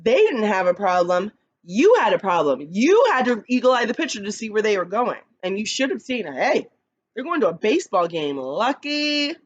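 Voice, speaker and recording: A woman who teaches kindergarten, reading picture books aloud slowly and expressively, with chatty asides to the children. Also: muffled recording. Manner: slow, expressive read-aloud with lively pitch, chatty asides.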